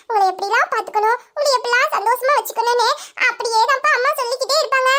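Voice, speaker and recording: An actress voicing a young daughter who tearfully reassures her crying father. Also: very high voice. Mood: tender. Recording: background noise.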